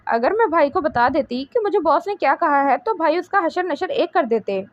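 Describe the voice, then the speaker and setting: A woman's voice: high-pitched, lively intonation, moderate pace, muffled recording. A woman reading the lines of a proud young woman who answers sharply and indignantly.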